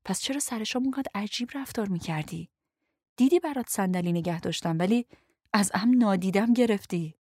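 A woman reading a young man's lines in a low, urgent murmur, pleading and defensive. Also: a little mellow, no echo, studio quality, natural voice. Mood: pressing.

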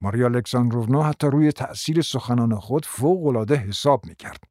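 A man giving measured, literary narration for a radio drama. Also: mid-range voice, dark tone, dry recording, studio quality. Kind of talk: scripted narration.

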